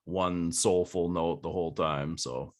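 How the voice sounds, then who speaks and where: Low-voiced man co-hosting a podcast. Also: measured pace. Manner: relaxed, laughs often, many fillers. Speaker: podcast co-host. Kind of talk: casual chat. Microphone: video call. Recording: video call.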